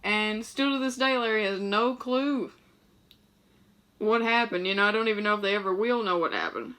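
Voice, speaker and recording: A woman's voice: medium pitch, lively intonation, moderate pace, a bit bright. A young woman talking casually to her viewers, rambling through loose, profane stories full of fillers. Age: young adult. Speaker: vlogger.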